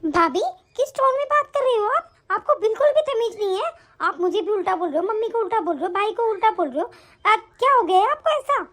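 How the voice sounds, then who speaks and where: A woman voicing a young sister-in-law in an animated story, with a snippy, accusing tone. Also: very high voice, a little fast.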